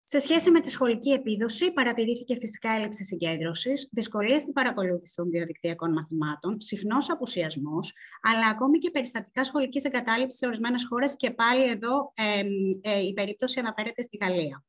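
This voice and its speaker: Higher-voiced woman presenting research findings. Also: animated. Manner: measured, with frequent hesitation fillers. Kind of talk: online seminar presentation.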